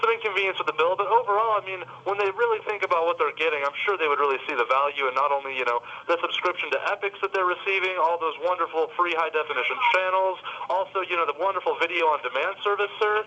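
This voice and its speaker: A man's voice: sits high, fast talker, hardly any pauses, sharp tone. A man working as a cable sales rep on a phone call, polite and stammering, saying sir again and again. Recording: dull phone line.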